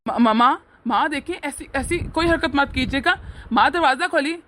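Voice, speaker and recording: A woman voicing a young married son who earnestly pleads with and lectures his family in an animated family drama. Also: sits high, moderate pace, a little hiss or hum. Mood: pleading.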